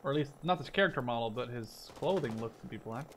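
This gaming video host has a mid-range voice and speaks in an animated, fast way over a noisy background of video game gunfire and artillery. He offers casual, rambling first-person commentary as he plays, thinking aloud and critiquing himself.

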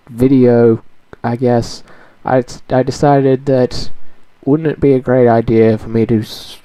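A young Australian man chatting casually to camera, rambling and poking fun at himself. His voice is mellow and relaxed. The desk mic sounds close and dry. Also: medium pitch, no room sound, rough recording. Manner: rambling, self-mocking. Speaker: vlogger. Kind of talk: casual chat.

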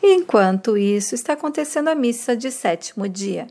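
A woman from Brazil retelling a soap opera episode, reading out the characters' lines with lively shifts in delivery. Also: fairly high pitch, moderate pace.

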